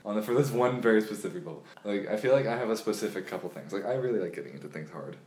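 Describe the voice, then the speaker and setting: A young man chatting casually as a guest, quick and halting, with fillers. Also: lowish voice, lively intonation, a little mellow. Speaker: podcast guest. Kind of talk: casual chat. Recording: echoey room with faint ambience.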